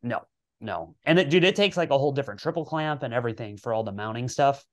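A man in casual podcast chat, talking at an ordinary middle pitch. He rambles in long, relaxed runs and swears freely. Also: quick pace. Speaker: podcast co-host.

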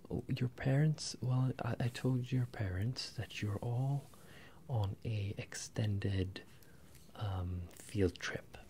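This ASMR roleplay features a man in his twenties, close to stereo microphones positioned ear to ear, whispering softly and murmuring low. In character as a bemused wizard professor, he apologizes to a student in a hesitant, halting way. A little hiss or hum is present.

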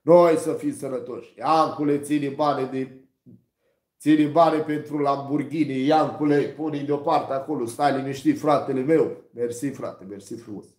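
Swearing storyteller man, roomy echo. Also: mid-range voice. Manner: rough slangy talk with frequent swearing, animated quoting of others. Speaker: vlogger telling stories on a live stream. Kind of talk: casual storytelling.

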